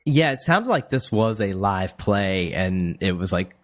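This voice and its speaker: A man with a low voice co-hosts a casual music review podcast. He speaks hesitantly and stumbles over his words, often restarting his sentences. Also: sing-song, measured pace. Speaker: podcast co-host.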